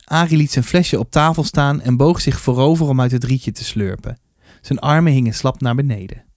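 A man reads a children's book aloud in an easy, lively first-person telling. His voice sits at an ordinary pitch. It is recorded close and dry, with no room sound. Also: normal speed, dry recording. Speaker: storybook reader.

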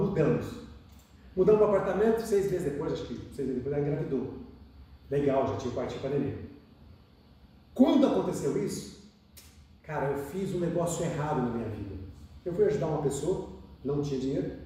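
A Brazilian man recounts his story at a rapid clip, mellow in tone, repeating phrases and acting out dialogue as he goes. He is recorded from a distance in a very echoey room. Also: a little high, slight background noise. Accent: Brazilian Portuguese. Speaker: podcast guest telling his life story. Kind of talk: emotional personal storytelling in conversation.

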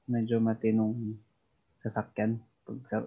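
A man's voice: on the low side, monotone, unhurried, husky. Filipino guy chatting away on a podcast, chuckles a lot, kinda muffled lo-fi sound. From Philippines. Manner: chatty, chuckles while talking. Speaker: overseas worker guest. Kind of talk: casual podcast chat.

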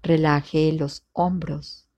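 A woman leading a guided meditation as instructor, giving calm, soothing, measured instructions with long pauses. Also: low voice.

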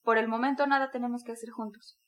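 A woman's voice: on the high side, steady tone, fast talker, close to an everyday voice. A woman reading the curt, angry lines of a proud young man who refuses to be questioned. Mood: irritated. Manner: curt, sharp, rising anger.

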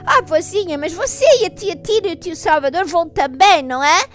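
A curious little girl, put on by a woman storyteller asks her questions in a high, eager voice. Each line pleads or wonders. Soft music plays faintly behind the storybook telling. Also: expressive, a little fast. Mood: pleading. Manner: wide-eyed, pleading questions.

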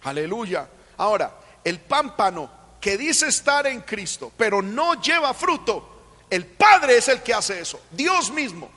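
Fervent high-voiced male preacher in a reverberant hall. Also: very animated, unhurried. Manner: fervent, swells to shouting and drops low, frequent "hermano" and "aleluya". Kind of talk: sermon.

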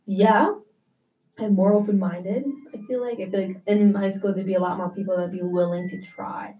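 Talking chattily in an informal interview, this young adult woman from the US fills her speech with "like" and little restarts. Her pitch sits in an ordinary middle range, her tone is steady and her pace moderate. She's slightly set back, far from the mic, and the audio sounds dull.

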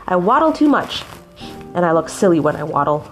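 A woman's voice: fairly low pitch, sing-song, normal speed, soft background music. Woman doing a whiny grumpy penguin. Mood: grumbling. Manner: whiny, sighing grumbles. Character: grumpy complaining young penguin.

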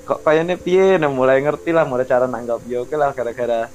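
A young man with a Javanese accent in a casual chat, animated, laughing often and trailing off as he searches for words. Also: mid-range voice, fairly quick, a little hiss or hum.

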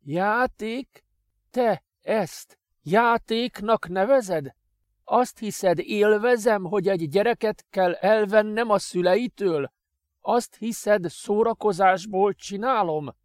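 A bitter, hateful young master who is already wasting away, as a man puts him on in a high, strained voice. He speaks slowly and loudly, full of scorn. The sound is dry and close. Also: no room sound, lightly acted. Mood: furious. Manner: shouting, slow and scornful.

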